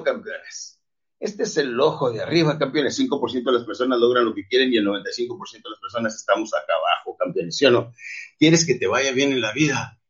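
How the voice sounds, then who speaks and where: Man, Mexican accent, middle-aged, motivational speaker, emphatic and preachy, slightly raised husky voice. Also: a little high. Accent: Mexican Spanish. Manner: emphatic, preachy, calls listeners "campeones". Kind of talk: motivational talk. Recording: dull lo-fi audio.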